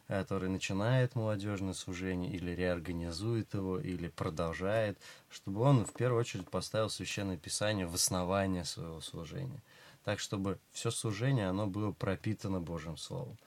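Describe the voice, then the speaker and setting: Very deep-voiced man giving measured advice. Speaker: guest pastor. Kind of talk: religious interview talk.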